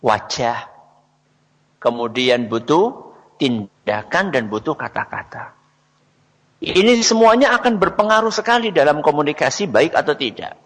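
A man's voice: on the high side, a bit bright, in a large hall. A man giving a religious talk on parenting to an audience, asking questions and answering them himself. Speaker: religious speaker.

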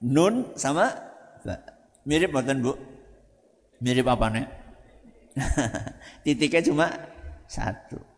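A man with a Javanese accent, an ustaz giving an animated religious talk to parents, often asking the audience rhetorical questions. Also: mid-range voice, takes it slowly, pauses often. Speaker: ustaz, Islamic preacher. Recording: reverberant hall.

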